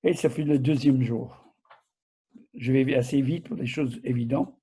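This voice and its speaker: A man's voice: medium pitch, unhurried, dark tone, breathy edge. An older man, sixties or above, with a mixed southern French and American accent, teaching the Bible informally in slightly broken, hesitant French, often correcting himself and checking in with listeners. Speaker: preacher.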